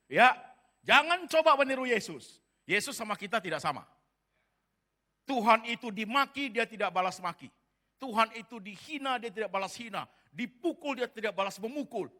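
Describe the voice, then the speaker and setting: A man preaching a sermon as pastor, swinging from hushed murmurs to loud emphatic bursts and dropping English words into his speech. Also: very high voice. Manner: acts out quoted voices of congregants.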